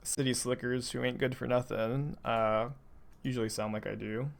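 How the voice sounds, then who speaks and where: With vocal fry and a level, mid-range tone at a moderate pace, a young Texan streamer plays a card game for viewers. He has a mild urban Texan accent and keeps up dry, sarcastic casual commentary, thinking aloud and chatting with his audience.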